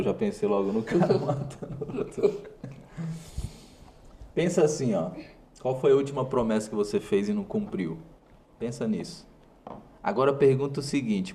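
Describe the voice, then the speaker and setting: A man's voice: medium pitch, darkish tone. A man with a Brazilian Portuguese accent delivers a motivational talk. He addresses the viewer directly and stresses his points with short, punchy phrases that he often repeats. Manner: emphatic, speaks directly to the viewer. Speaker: host.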